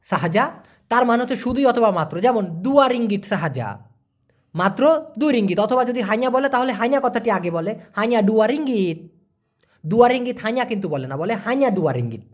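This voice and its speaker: Lively man teaching vocabulary. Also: high voice. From Bangladesh. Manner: explains patiently, repeats words slowly syllable by syllable. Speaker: language teacher. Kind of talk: vocabulary lesson.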